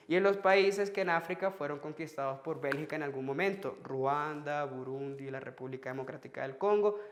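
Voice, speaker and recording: A man runs a lively French lesson on video for his students, ticking off examples on his fingers as he explains. His voice is on the high side.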